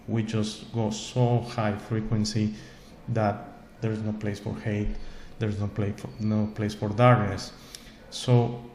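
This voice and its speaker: Talking to camera on his own show, this host, not a native English speaker, rambles earnestly through a spiritual talk, repeating words and asking "okay?". He has a lowish, slightly mellow voice. The room is echoey, with faint background noise.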